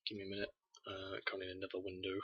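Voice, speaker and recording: A man's voice: sits low, monotone, racing, husky, no room sound, lo-fi sound. A man narrating a tabletop game as game master, hesitant and full of filler sounds.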